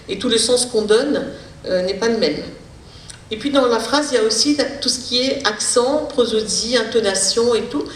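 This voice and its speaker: A woman speech therapist giving a public lecture, explaining in a halting way with many hesitations. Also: mid-range voice. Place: lecture hall. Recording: roomy hall, distant mic, faint noise.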